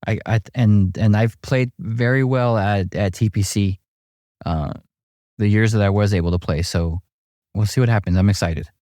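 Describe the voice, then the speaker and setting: A middle-aged man with a low, mellow voice talks easily, his words full of fillers and little restarts. The sound is dry and close, with no room around it. He tells his stories at an unhurried, conversational pace. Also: dry recording. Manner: relaxed storytelling with many fillers and restarts. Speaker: amateur golfer guest. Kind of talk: casual chat.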